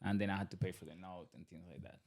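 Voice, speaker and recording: Gravelly yet a little mellow, his low, steady voice moves fast. The speaker, a Colombian-accented business owner in his thirties whose first language is Spanish, is a podcast guest in casual interview talk, rambling with restarts and often laughing.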